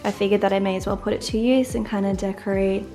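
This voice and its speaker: A woman's voice: mid-range voice, steady tone, fast, warm tone, soft background music. A woman chatting casually to camera while she decorates her living room, upbeat and full of "like". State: briefly out of breath. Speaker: lifestyle vlogger.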